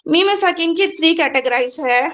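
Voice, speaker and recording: High-voiced woman teaching Quran recitation. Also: lively intonation, fairly bright tone, muffled recording. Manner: explains patiently, repeats rules and asks students questions. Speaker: tajweed teacher. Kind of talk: online Quran recitation lesson.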